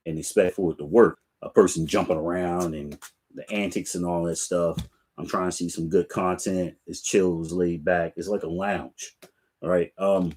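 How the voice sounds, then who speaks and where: A man's voice: deep voice, a little mellow. A middle-aged man hosting his sneaker channel, chatting casually and laid-back with viewers from a room full of shoe racks. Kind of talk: casual live chat to viewers.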